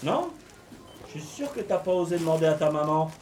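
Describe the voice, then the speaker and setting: An actress playing a pushy, nosy supermarket cashier in a radio comedy, badgering and overfamiliar. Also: female voice, sits low, sing-song, a little fast, a little mellow. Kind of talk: radio comedy drama acting. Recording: echoey room.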